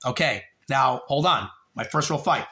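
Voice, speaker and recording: A man's voice: mid-range voice, animated, moderate pace, pushed and bright. A man in his late thirties hosting a livestream, telling a rambling, profane story and talking to chat viewers by name. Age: 30s. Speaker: livestream host.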